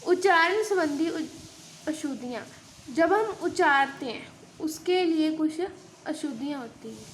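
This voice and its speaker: A woman's voice: high-pitched, lively intonation, unhurried, slight background noise. A woman school teacher giving a lesson in Hindi, explaining step by step and asking and answering her own questions. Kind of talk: online class lesson.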